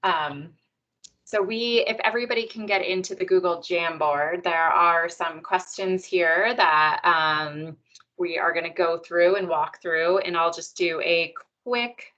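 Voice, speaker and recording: A woman's voice: lowish voice, fairly even intonation, measured pace, pushed and bright. A woman facilitating a video meeting in a chatty, upbeat way with plenty of fillers, heard over a video call. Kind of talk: casual video meeting chat. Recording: dull, muffled video call audio.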